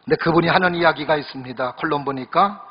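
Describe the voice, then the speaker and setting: A male pastor gives a sermon in a high, husky voice, chatting and joking with his congregation. The sound carries a long hall reverb. The recording is muffled and lo-fi. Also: quick pace. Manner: conversational, joking, addresses congregation directly. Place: church sanctuary during worship service. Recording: echoey hall, dull lo-fi sound.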